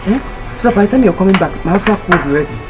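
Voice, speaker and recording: A woman's voice: medium pitch, lively intonation, racing, lightly acted. A woman with an Igbo-influenced Nigerian accent acting a harried, pleading young working woman in a film drama. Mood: flustered. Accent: Nigerian, Igbo-influenced English. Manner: pleading, exclamatory. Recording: music behind the dialogue.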